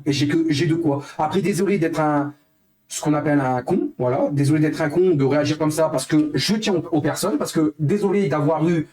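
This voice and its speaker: A man's voice: a little high, a little mellow. A young man livestreaming, ranting heatedly at his chat and repeating himself. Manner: heated, repetitive, addresses chat as guys. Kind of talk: angry live stream rant to chat.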